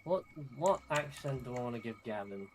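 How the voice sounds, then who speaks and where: A man's voice: mid-range voice, expressive, a little fast, a little mellow, slight background noise. Joking man chatting over gameplay. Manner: joking, playful. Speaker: gaming streamer. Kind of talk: casual chat while gaming.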